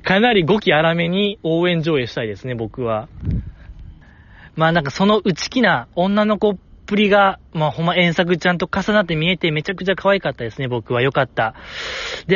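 A man hosting a podcast, chatting casually on his own in a rambling, animated way. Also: on the high side, normal speed, highs cut off. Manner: rambling, animated, with frequent laughs. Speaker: podcast host. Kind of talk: casual solo chat.

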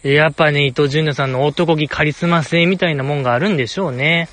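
A man's voice: on the high side, fast talker, fairly bright tone, slight background noise. A young man with an Osaka accent, chatting casually and rambling on his own, playfully earnest. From Osaka, Japan. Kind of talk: casual solo chat.

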